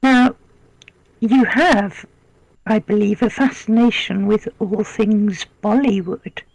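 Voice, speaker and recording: A woman interviewing a guest, asking questions in a measured way with soft backchannels. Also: mid-range voice, steady tone, poor audio.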